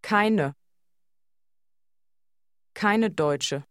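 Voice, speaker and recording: A woman at mid pitch models phrases for learners, very slowly and with deliberate syllables. The recording is dry and close. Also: no echo. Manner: slow, deliberate enunciation. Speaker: native-speaker model voice. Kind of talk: slow model pronunciation for repetition.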